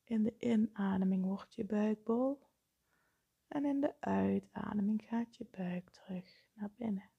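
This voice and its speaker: A woman leading a guided meditation, speaking softly with frequent breathy, half-whispered phrases. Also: mid-range voice, muffled recording. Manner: slow, soft-spoken, often breathy and whispered.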